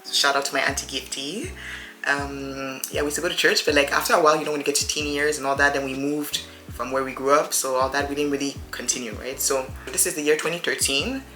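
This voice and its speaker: Quick, chatty woman in her thirties for a get-ready-with-me vlog; low, bright voice in a roomy space. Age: 30s. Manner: chatty and rambling, addresses viewers as friends. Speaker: beauty vlogger. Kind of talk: get-ready-with-me casual chat. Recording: roomy echo with faint music behind.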